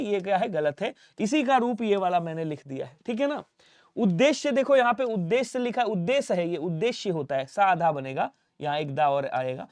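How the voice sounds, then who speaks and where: A male teacher, giving an exam-prep lesson. He drills students with quick questions and answers and repeats each spelling. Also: high-pitched, smooth, no echo. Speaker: Hindi teacher.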